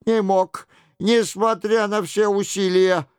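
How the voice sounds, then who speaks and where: A man voicing a fat, cowardly monk who wails and pleads in a drawn-out, lamenting way. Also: high voice, fairly even intonation, a little mellow, clear, resonant tone, no room sound, studio quality, voice pushed up. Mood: pleading.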